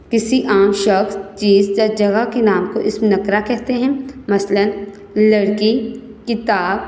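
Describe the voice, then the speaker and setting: A young woman teacher explaining a lesson step by step, mixing in English words, checking understanding with repeated questions, and reading verse slowly and carefully. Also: on the high side, mellow. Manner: mixes English words into her speech. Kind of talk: classroom lesson. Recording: echoey room with faint background noise.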